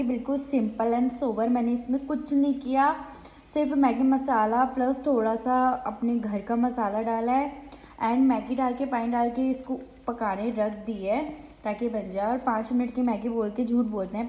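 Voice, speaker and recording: A young woman chatting casually in a home vlog, telling stories in an animated way and repeating phrases for emphasis. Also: on the high side, normal speed. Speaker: vlogger. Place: at home, indoors.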